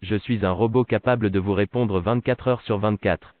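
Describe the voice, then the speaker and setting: Over a tinny, dry phone line, a virtual customer service voicebot speaks in a synthetic male voice. Fairly low and steady at a moderate pace, it delivers polite, formulaic prompts.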